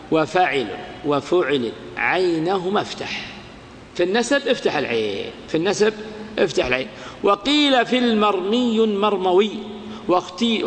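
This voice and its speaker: High-voiced man lecturing in an echoing hall. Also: slight background noise. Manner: repeats key words and quizzes the class with quick questions. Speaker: grammar teacher. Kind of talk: classroom lecture explaining a grammar text. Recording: long hall reverb.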